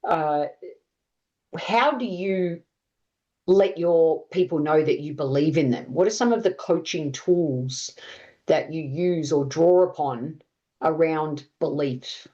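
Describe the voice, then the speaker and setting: A woman's voice: sits low, takes it slowly, warm tone, dull audio. A woman hosting a coaching podcast, asking long, enthusiastic questions of her guest. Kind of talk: interview questions.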